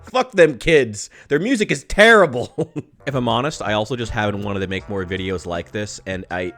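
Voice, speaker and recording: A thirty-year-old man talks to the camera in a loose, meandering vlog, low in pitch and blunt about his frustrations. He curses casually and laughs at himself between tangents. Soft music plays faintly underneath. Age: 30s. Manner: candid, rambling, profane, self-deprecating. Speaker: YouTuber.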